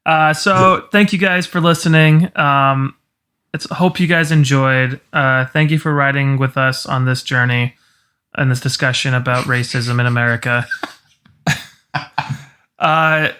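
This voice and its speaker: A man's voice: mid-range voice, fairly even intonation, measured pace, bright, forceful tone, clear, resonant tone. A man hosting a casual movie podcast, easygoing and wrapping up with plenty of fillers. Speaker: podcast host.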